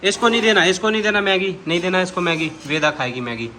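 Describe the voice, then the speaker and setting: Young man, Bundeli accent, family vlogger; high, bright, teasing tone; faint background noise. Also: expressive, quick pace. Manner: playful, teasing, sing-song with children. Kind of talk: casual family vlog narration.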